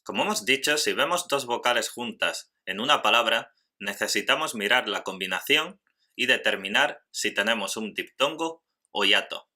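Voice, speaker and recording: A man teaching a grammar lesson in scripted narration, slowly and carefully spelling out syllables. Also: lowish voice, animated, bright, forceful tone.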